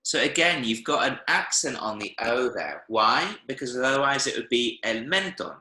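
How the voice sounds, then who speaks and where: A man's voice: medium pitch, animated, normal speed, sharp tone, echoey room. A man teaching a one-to-one language lesson over a video call, patiently checking that his student follows with frequent "yeah?" and "right?". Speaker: Spanish teacher.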